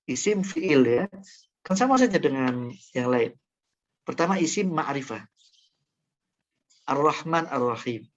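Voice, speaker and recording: A male university lecturer giving a classroom lecture, explaining through examples with frequent fillers and restarts. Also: a little high. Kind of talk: classroom lecture on Quran interpretation. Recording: dull lo-fi classroom recording.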